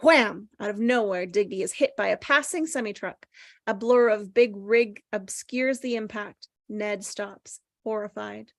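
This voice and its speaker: During a table read, a woman chats casually and reads scripted action descriptions aloud. Her voice is medium-pitched and a little slow, captured as clean studio sound with no room noise.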